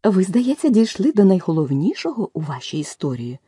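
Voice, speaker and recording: Woman doing a polite curious little girl for an audiobook, husky half-whisper, dry close sound. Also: mid-range voice, sing-song, fairly quick, dry recording. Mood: polite, eager. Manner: soft breathy half-whisper, earnest. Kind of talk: audiobook reading.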